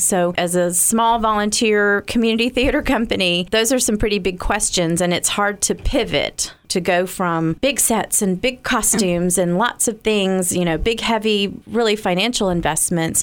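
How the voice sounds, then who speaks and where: A woman speaking for a small community theater as a podcast guest, explaining things at length in a clear, conversational way. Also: mid-range voice. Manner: articulate, explanatory. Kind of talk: casual interview.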